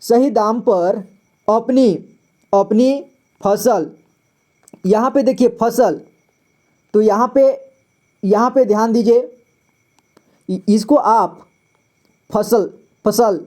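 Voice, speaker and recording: A man teaching a reading lesson step by step, patiently sounding out words slowly and repeating them syllable by syllable. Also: sits high, dark tone.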